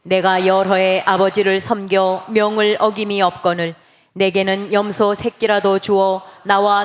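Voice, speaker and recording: Woman reading scripture in a reverberant church. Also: medium pitch. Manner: measured, solemn recitation. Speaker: scripture reader. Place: church sanctuary.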